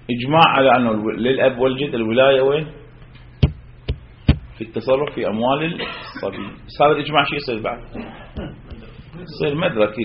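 Fast-talking Iraqi man teaching in an echoey room. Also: mid-range voice, slight background noise. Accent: Iraqi Arabic. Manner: poses rhetorical questions and answers them himself. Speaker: religious law teacher. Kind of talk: seminary lecture. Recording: roomy, dull lo-fi.

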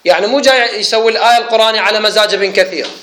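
A man's voice: sits high, rapid-fire, bright, forceful tone. A man teaching grammar in a classroom, explaining points and quizzing his students. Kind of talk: classroom lecture. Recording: echoey room.

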